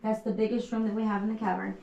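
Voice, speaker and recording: A woman's voice: medium pitch, little pitch movement, very fast, creaky, dark tone, muffled recording. A woman guiding a cave tour, her voice echoing off the rock and picked up from a distance over some noise. She is from Texas and talks in an enthusiastic, folksy way, casual and informal as she points things out. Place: inside a cavern, echoing.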